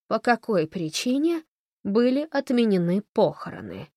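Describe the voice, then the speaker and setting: A woman reading an audiobook, voicing a haughty, hungover woman editor who speaks weakly and slowly. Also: medium pitch, very animated, mellow, no room sound, studio quality, voice pushed up. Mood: languid. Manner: languid, weak-voiced, then icy.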